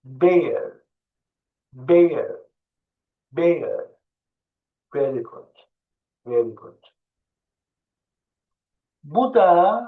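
A man teaching English to young children, slowly repeating each word several times and chatting with the child between words. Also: medium pitch. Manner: chatty asides to the child watching. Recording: distant dull lo-fi recording.

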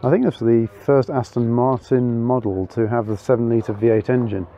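A car vlogger walks around an outdoor car meet, giving casual, enthusiastic commentary and thinking aloud with small fillers. His voice is mid-range at a normal speed, and the audio is dull with slight background noise.

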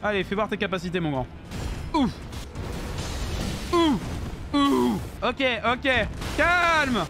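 A male streamer with a high voice that swings all over the place, blurting out loud reactions and jokes as he plays. Game music sits clearly underneath him. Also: takes it slowly, long pauses. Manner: excitable, loud outbursts and jokey asides. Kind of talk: live gaming commentary.

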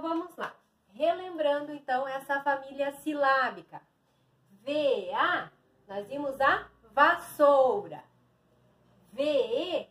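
A woman's voice: high-pitched, a bit bright. A woman teacher from Brazil giving a reading lesson to young children, stretching and stressing each syllable.

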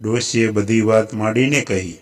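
A man with a Gujarati accent narrating a folk tale in a steady, even storytelling voice. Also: lowish voice, moderate pace.

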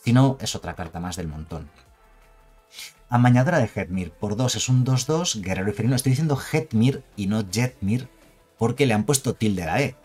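A man's voice: lowish voice, expressive, brisk, darkish tone, breathy edge, soft background music. A man with a Spain Spanish accent giving a chatty, emphatic card game review, with jokes and asides. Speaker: card game video creator. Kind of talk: casual card review commentary.

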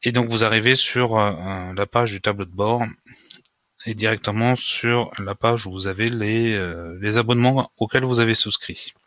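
A man explaining software step by step in a screen-recorded tutorial, talking casually and hesitantly with many pauses and restarts. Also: on the low side, no room sound, clean studio sound. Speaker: WordPress tutorial maker.

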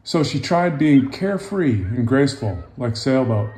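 The recording is low quality with slight background noise, capturing a darkish, medium-pitched male voice that swings widely in pitch at a slightly slow pace. A fifty-something author-illustrator reads to children and guides their drawing, keeping it casual and simple with encouragement for the young viewers.

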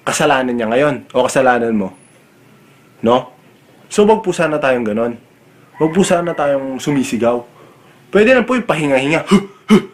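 Loud exasperated young man ranting. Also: mid-range voice, animated, moderate pace, long pauses. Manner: loud, exasperated, swears freely. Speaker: comedic vlogger. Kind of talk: comedic rant.

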